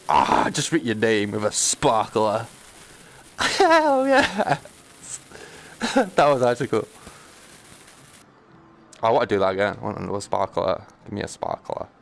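Here's a gravelly, low-leaning male voice riffing excitedly over a video game stream, casual and playful with plenty of swearing.

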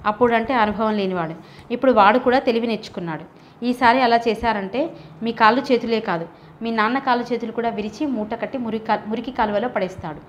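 A woman's voice: fairly high pitch, natural voice. A woman voicing a clever, cool-headed young woman who speaks pointedly, in a storybook reading. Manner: pointed, teasing. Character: sharp-witted young woman, cool and cutting.

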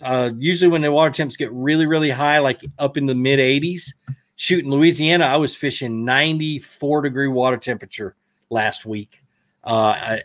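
A Georgia man in his thirties with a Southern accent hosts a fishing live stream, casually answering viewer questions in a rambling, self-correcting way. His voice is medium-pitched and fairly bright, captured by a desk mic in front of him in an indoor studio with a brick wall.

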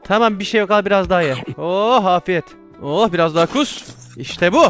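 A man's voice: high voice, a little fast, a bit bright, soft background music. A man playing a virtual reality doctor game, commenting casually and exclaiming and laughing at his own mistakes. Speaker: VR gameplay streamer.

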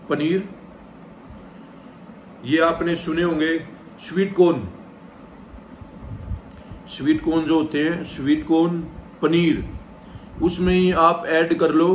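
A thirtyish gym trainer relaxes on a sofa in an indoor room, calmly explaining a vegetarian meal plan to viewers and repeatedly checking in with "theek hai." His voice is on the high side. Recorded by a far camera with no visible mic, the audio is echoey with slight background noise.

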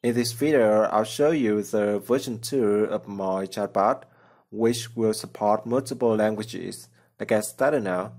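Unhurried and darkish, a lowish male voice narrates a coding tutorial over a screen recording. The channel host explains plainly and step by step, using simple non-native phrasing.

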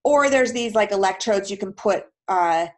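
A woman's voice: medium pitch, expressive, moderate pace. A woman physical therapist explaining in a casual question-and-answer talk, chatty, with many filler words and homely comparisons.

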